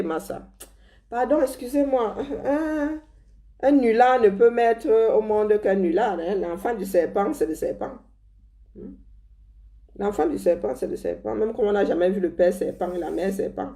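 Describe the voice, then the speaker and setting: A woman's voice: mid-range voice, darkish tone. A woman from Cameroon with a Cameroonian French accent, delivering a sarcastic, scornful political commentary.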